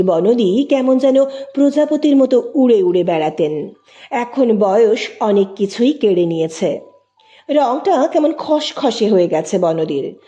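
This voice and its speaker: Expressive woman telling a story. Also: on the high side. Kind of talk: audio story narration.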